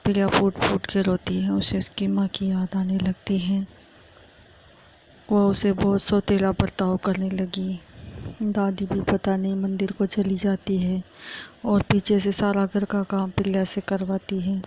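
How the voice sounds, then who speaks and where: A woman's voice: medium pitch, monotone, measured pace, mellow, a little hiss or hum. A woman narrating a family story as a storyteller, on a muffled lo-fi recording.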